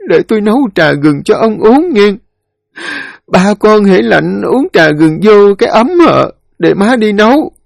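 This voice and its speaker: A man's voice: high voice, animated, extremely slow, vocal fry, long pauses, dry recording, studio quality, voice pushed up, full character voice. A man voicing a grief-stricken elderly widow who sobs and pleads in a lament for her husband. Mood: dazed.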